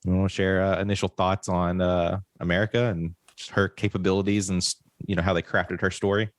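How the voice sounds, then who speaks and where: Podcast host, man, deep voice, dry mic, eager and conversational. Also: level tone, no room sound. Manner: enthusiastic, quick affirmations. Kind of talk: casual film review chat.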